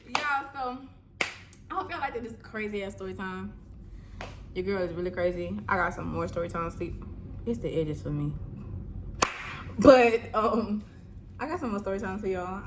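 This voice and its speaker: A young woman telling a casual storytime vlog, animated and laughing as she talks straight to her viewers. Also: mid-range voice, background noise. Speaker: vlogger.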